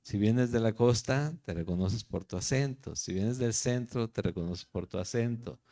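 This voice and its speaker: A man's voice: on the low side, normal speed, warm tone. A man from Jalisco, Mexico, with a Mexican Spanish accent, teaching the Bible verse by verse as a pastor in a conversational way, often checking in with his listeners. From Guadalajara, Jalisco, Mexico.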